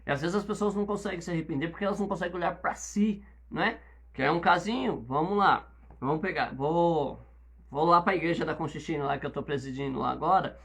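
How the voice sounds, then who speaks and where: A man's voice: a little high, fairly quick, gravelly, a bit bright, slightly rough. A middle-aged Brazilian man preaching a sermon as a pastor, speaking conversationally and then rising into emphatic outbursts.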